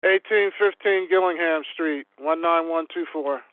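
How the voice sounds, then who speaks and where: A man's voice: on the high side, normal speed. A man calling in by phone as the appellant at a city board hearing, giving brief, polite answers. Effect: heard over a phone line. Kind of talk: remote testimony. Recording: tinny phone line.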